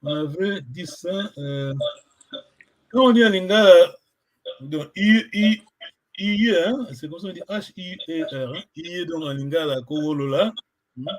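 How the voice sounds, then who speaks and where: A man gives a language lesson in a slightly raised voice. He talks slowly and patiently. He repeats each word carefully so his student can follow. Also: fairly high pitch. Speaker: language teacher.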